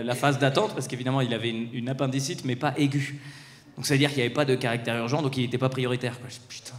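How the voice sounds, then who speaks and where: A man doing casual stand-up, chatting and swearing with a live audience and slipping into quick impressions. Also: mid-range voice. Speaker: stand-up comedian. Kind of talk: live stand-up crowd work. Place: theatre stage. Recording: roomy hall sound, faint crowd ambience.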